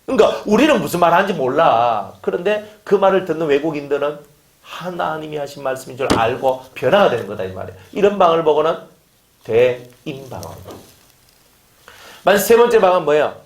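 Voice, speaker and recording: In an echoey room, a man preaching as a pastor speaks fairly quickly, his voice fairly high and expressive. He acts out quotes and fires off one rhetorical question after another.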